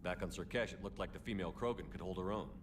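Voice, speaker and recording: An actor playing a steady, dutiful military starship commander in a video game, brisk and matter-of-fact. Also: male voice, deep voice, lightly acted. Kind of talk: video game character acting. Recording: noisy game audio capture.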